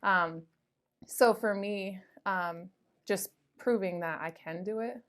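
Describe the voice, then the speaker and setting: A woman in her late thirties, a school resource officer, telling lively anecdotes in a casual interview, with lots of "like" and "um". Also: medium pitch, slow, clear, resonant tone. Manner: chatty, lively anecdotes with frequent "like" and "um".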